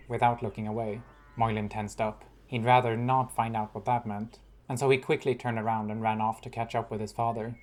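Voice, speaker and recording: A man reading his own fantasy story aloud in calm, even scripted narration. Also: medium pitch. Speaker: author and narrator. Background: guitar music.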